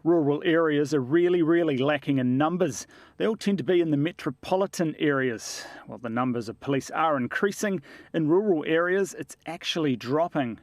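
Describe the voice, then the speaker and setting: A man's voice: fairly high pitch, moderate pace, no room sound, clean studio sound. A man, his voice electronically altered to hide his identity, speaking plainly as an anonymous police officer in a news interview.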